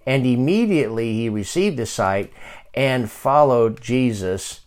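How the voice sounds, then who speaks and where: A man in his fifties preaching a sermon, reading scripture slowly and moving from quiet asides to loud calls to pray. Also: mid-range voice, lively intonation. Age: 50s. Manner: reads scripture slowly and deliberately. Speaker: pastor.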